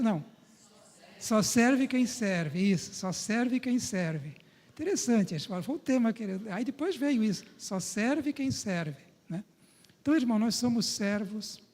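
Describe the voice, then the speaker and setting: A man's voice: sits high, darkish tone. A man from Brazil, a pastor, preaching a conversational sermon in a church and often checking in with his listeners through short tag questions. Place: church sanctuary. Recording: long church reverb.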